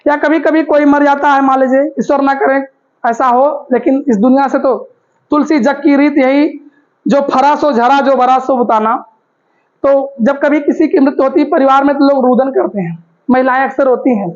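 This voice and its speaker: A woman's voice: high voice, darkish tone. A woman teaching grammar, asking the class questions and answering them herself, repeating the key terms. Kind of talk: Hindi grammar lesson. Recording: dull lo-fi recording.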